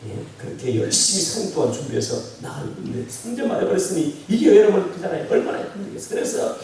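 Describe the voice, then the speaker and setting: Lively, echoey male preacher. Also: high-pitched, quick pace, slight background noise. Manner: storytelling, quizzing the congregation. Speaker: pastor. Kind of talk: sermon. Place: church. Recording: echoey church hall, distant mic.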